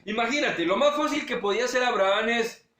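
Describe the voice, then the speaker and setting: A male pastor giving a sermon, talking straight to his listeners and swinging between loud urging and hushed low passages. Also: animated, fairly quick, roomy sound. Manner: direct address to listeners.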